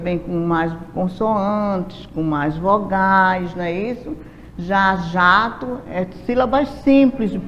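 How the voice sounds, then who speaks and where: Brazilian woman teacher, slow and patient, dull lo-fi track in a reverberant room. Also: medium pitch, a little hiss or hum. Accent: Brazilian Portuguese. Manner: slow, patient, asks rhetorical questions. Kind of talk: recorded classroom lesson.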